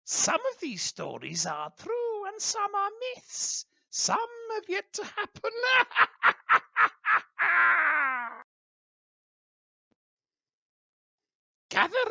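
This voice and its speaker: A woman voicing the ghost of an old witch burnt at the stake, eerie and gloating, with a creaky cackle. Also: a bit bright, no echo, exaggerated voice. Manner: slow, theatrical swoops between high and low. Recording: dull muffled recording.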